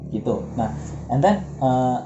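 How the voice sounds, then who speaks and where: A man's voice: mid-range voice, moderate pace, roomy sound, highs cut off, noisy background. A man teaching English pronunciation in a casual, joking lesson, drilling words for a partner to repeat.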